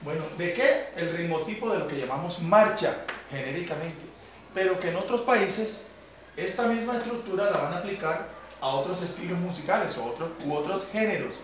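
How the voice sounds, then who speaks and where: In a community center classroom, a man from Colombia leads beginners through a keyboard lesson, explaining with patience and checking how the students are doing. He has a high, expressive, slightly bright voice at normal speed. The distant camera captures room echo, a little hiss or hum, and keyboard sounds.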